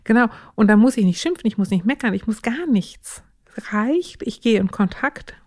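A woman's voice: on the high side, animated, moderate pace, a little mellow. A woman talking through child-rearing advice in a casual podcast chat, acting out little scenes between parents and children. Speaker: parenting expert guest.

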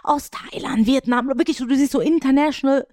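A woman co-hosting a casual podcast, telling a lively anecdote and acting out the people in it. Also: sits high, fairly quick, no room sound, studio quality. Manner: animated anecdote telling, acts out quoted voices. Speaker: podcast co-host. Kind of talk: casual podcast chat, storytelling.

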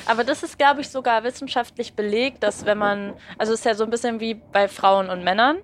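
A woman's voice: on the high side, steady tone, brisk, a little hiss or hum. A woman from Berlin hosting a podcast, chatting casually on a train and affirming her guest often. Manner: talkative, chatty, lots of affirming "ja". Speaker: podcast host. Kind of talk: casual conversation.

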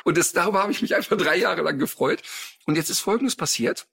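A man's voice: sits high, quick pace, creaky, husky. A middle-aged man telling stories in casual chat as a podcast co-host, acting out the voices he quotes. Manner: animated storytelling, acts out quoted voices.

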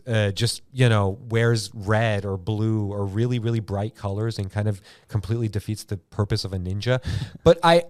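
This man from Iran runs a YouTube chat show, spinning rambling, slang-filled stories with frequent "like" and plenty of swearing. His voice sits on the low side, and the recording is dry.

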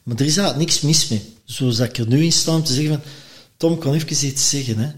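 A man from Antwerp with a Flemish accent, a podcast guest telling personal stories in lively conversation and acting out the voices he quotes. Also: mid-range voice, fast talker. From Antwerp, Belgium.

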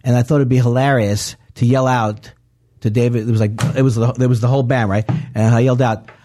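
Rambling man with halting restarts. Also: medium pitch, steady tone, warm tone. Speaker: comedian guest. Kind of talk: casual podcast conversation.

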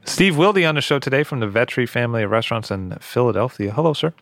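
A man's voice: mid-range voice, animated, quick pace, over music. Playful man hosting a podcast. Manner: playful, jokey interjections. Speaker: podcast host. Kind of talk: casual interview chat.

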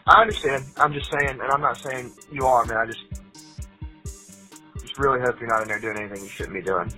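A man's voice: mid-range voice, fairly even intonation, fairly quick, bright, forceful tone. Man on a payphone call over music. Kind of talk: casual private payphone call. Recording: recorded jail phone call, music underneath.

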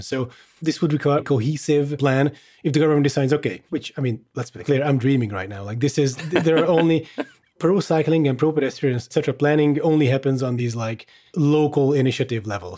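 A man from Hungary talking casually as a guest, animated and chatty, with many fillers and restarts. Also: medium pitch. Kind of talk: casual conversation.

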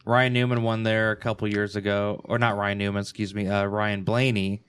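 A man's voice: on the low side, little pitch movement, moderate pace, fairly bright tone, clear, resonant tone, no echo. A man co-hosting a casual sports podcast, speaking hesitantly with many ums and restarts. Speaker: podcast co-host.

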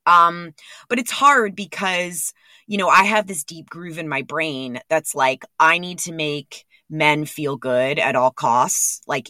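A woman's voice: low voice, pushed and bright, no echo, clean studio sound. A woman hosting a podcast, talking candidly and rambling with casual swearing. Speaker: podcast host. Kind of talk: candid monologue.

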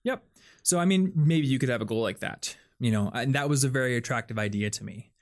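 A young man hosts a relaxed podcast conversation. His voice sits at a middle pitch, and he rambles as he works through his ideas, leaning on fillers and restarting his sentences. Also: fairly quick. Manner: rambling, filler-heavy, thinks aloud. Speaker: podcast host. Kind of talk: casual chat.

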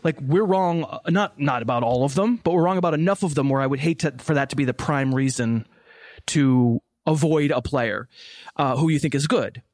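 A man chats as a podcast guest in a fairly high voice. He is animated and makes quick, self-mocking asides. The recording is dry and close. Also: no room sound. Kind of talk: casual chat.

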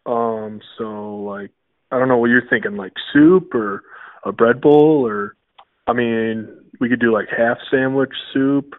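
A man's voice: medium pitch, fairly even intonation, unhurried, no room sound. A man, a podcast co-host, leaving a rambling, offhand phone voicemail full of fillers. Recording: tinny phone-line voicemail.

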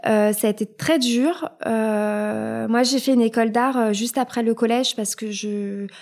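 A woman with a fairly high voice chatting as a podcast guest. She talks loosely and keeps restarting her sentences, with lots of "euh" between thoughts. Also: steady tone, measured pace, a little mellow. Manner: hesitant, many fillers and restarts. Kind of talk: casual interview chat.

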